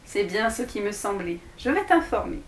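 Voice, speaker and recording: A woman's voice: mid-range voice, sing-song, normal speed, slight background noise. A woman voicing a friendly forest salamander who kindly explains and guides, recorded in an echoey room.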